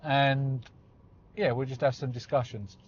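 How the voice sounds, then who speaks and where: A man's voice: mid-range voice, fairly even intonation, unhurried, husky. Chatty man in his forties. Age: 40s. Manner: rambling, chatty and self-deprecating. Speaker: vlogger. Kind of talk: casual chat while driving. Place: inside a car on the road. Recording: slightly dull audio with faint road noise.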